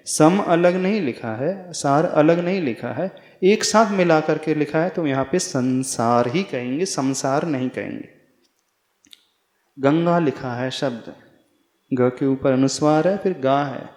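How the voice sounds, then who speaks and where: A man with a fairly high voice leads a scripture lesson as a monk, moving very slowly and pausing often. He sounds out each syllable carefully and keeps checking with his listeners. His voice rings through a large hall with long reverb. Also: a little mellow. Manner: slow, deliberate, spells out pronunciation and quizzes the audience. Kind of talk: devotional recitation lesson.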